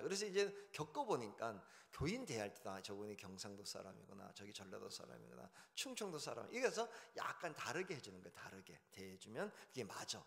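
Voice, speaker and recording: Animated male preacher in reverberant church. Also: a little high. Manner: humorous, anecdotal, animated. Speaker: pastor. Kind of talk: revival sermon. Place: church sanctuary.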